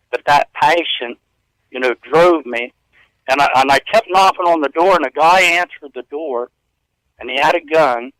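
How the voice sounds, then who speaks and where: Earnest and rambling, a radio interview guest in his fifties chuckles often as he tells stories from a hotel room. He has a fairly high pitch and a fairly bright tone, with no room sound and a rough recording.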